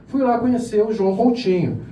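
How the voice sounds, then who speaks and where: A man who is a pianist, telling a story to a live audience in an animated, laughing way and acting out the voices he quotes. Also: high voice, fairly quick, muffled recording, slight background noise. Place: room with a small audience. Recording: echoey room, mic at a distance.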